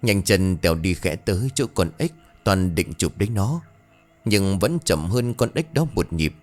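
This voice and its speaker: A man. His delivery rises and falls in lively swings, and faint music plays underneath. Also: low-pitched, unhurried. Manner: expressive storytelling. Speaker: storyteller. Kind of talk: ghost story narration.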